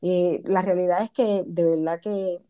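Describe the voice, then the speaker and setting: A woman's voice: lowish voice, fairly even intonation, unhurried, warm tone, clean tone. A woman hosting a casual talk about gratitude and faith, speaking earnestly with many restarts.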